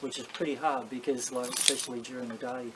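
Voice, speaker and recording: A man's voice: medium pitch, fairly even intonation, quick pace. An Australian man giving a casual, rambling, matter-of-fact talk to a group as a paranormal investigator, telling anecdotes. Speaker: paranormal investigator leading a session. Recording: clearly noisy live ambient recording.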